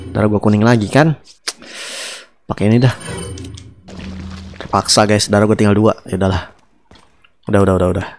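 Young male Indonesian game streamer, mid-pitched, chatty and repetitive, headset mic, music underneath. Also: darkish tone. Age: young adult. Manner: chatty, repeats words in quick strings. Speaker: gaming streamer. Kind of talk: casual gameplay commentary. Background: video game music.

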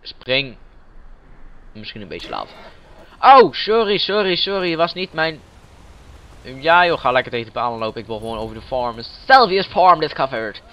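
A man's voice: a little high, big pitch swings, normal speed, muffled recording. A man giving playful, chatty commentary while playing a video game, joking with the characters. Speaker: let's play gamer. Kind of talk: casual gameplay commentary.

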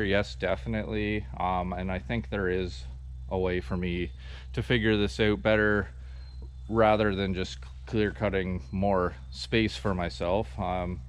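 A man, casually explaining his sawmill setup outdoors in a forest clearing, talking to a camera held at arm's length with plenty of ums. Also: lowish voice, a little hiss or hum. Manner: relaxed, rambling explanation with many ums. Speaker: sawmill vlogger. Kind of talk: casual walkthrough vlog.

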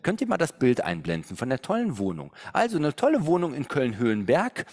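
A man's voice: mid-range voice, brisk. A middle-aged man coaching on real estate investment, telling stories and working through figures on slides while humming as he thinks. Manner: animated storytelling, thinking aloud with hums. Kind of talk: seminar talk with slides.

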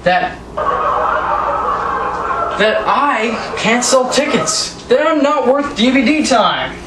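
Sarcastic 18-year-old man cutting a promo. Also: high voice. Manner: sarcastic, taunting. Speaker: backyard wrestler. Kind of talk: wrestling promo. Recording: roomy, distant, noisy home recording.

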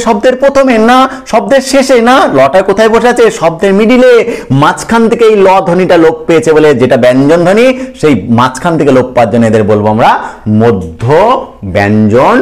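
Fast, high-voiced male grammar teacher. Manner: asks questions and answers them himself; addresses viewers as friends, repeats key points. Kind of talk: grammar lesson.

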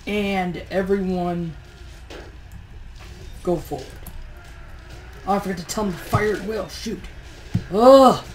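Tired, low-voiced woman grumbling through gameplay. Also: measured pace, long pauses, darkish tone, soft background music, poor audio. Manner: grumbling, exasperated, chatty. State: tired, morning voice. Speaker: let's play host. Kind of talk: gameplay commentary. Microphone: push-to-talk mic.

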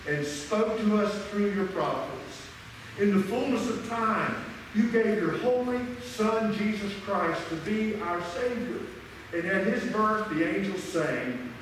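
An older man, a pastor, solemnly leading liturgy and prayer aloud in measured phrases to a congregation. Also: high voice, fairly bright tone. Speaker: pastor leading a Christmas Eve communion service. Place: large church sanctuary, indoors. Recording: echoing cathedral-like church reverb, distant microphone, faint noise.

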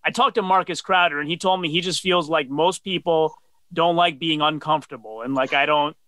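Bright dry-voiced man host in his forties. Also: on the high side, brisk, dry recording. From New Jersey. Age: 40s. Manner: friendly, affirming, asks long questions. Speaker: interview host. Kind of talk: casual video-call interview. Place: dim home office. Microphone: webcam on video call.

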